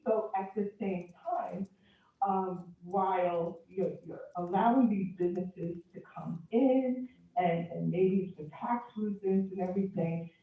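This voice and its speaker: Slow-talking woman on a tinny call. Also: medium pitch, far from the mic. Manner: hesitant, many ums. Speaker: caller. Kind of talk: public comment by remote call. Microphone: remote call. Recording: tinny phone line played into an echoey room.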